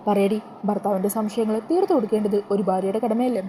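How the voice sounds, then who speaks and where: A taunting young groom with a menacing edge, as a woman reads his part. The voice is dark and mellow, and it rushes along quickly. Faint noise hangs in the background. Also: medium pitch, natural voice. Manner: threatening, taunting.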